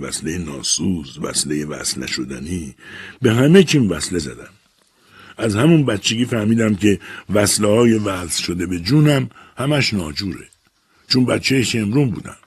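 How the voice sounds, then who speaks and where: A man's voice: deep voice, darkish tone, slightly rough, dry recording. A man voicing a bitter, weary father abandoned by his wife, speaking in a brooding lament in an audiobook story.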